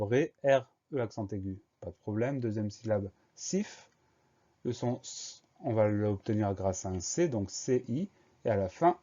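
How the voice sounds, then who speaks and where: Guy teaching kids spelling, spells it all out letter by letter, warm voice, kinda muffled recording. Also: medium pitch. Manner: slow, spells words letter by letter. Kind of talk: spelling lesson for schoolchildren.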